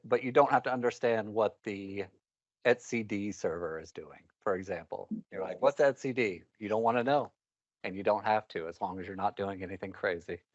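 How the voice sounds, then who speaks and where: A man with a voice on the low side presents a technical talk at a live meetup, rambling wryly and dropping candid asides. The audio is dry and sounds dull and muffled.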